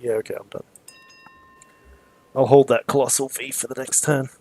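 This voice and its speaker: A relaxed man talks through his moves as he streams a card game. His voice sits at an average pitch for a man. The delivery is loose, chatty and quick to chuckle. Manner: relaxed, chatty, muses aloud and chuckles easily. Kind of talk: casual thinking aloud while playing.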